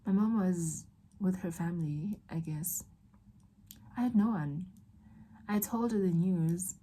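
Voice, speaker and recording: A woman's voice: lowish voice, slow, dark tone, a little hiss or hum. A young woman in an emotional, rambling confessional vlog, talking straight to her viewers as girl and babe. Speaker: vlogger.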